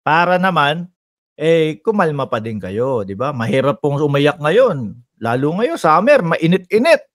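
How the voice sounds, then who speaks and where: A man's voice: a little high, sing-song, measured pace. A man from the Philippines giving casual political commentary as a vlogger, talking straight to his viewers in a teasing, sarcastic way.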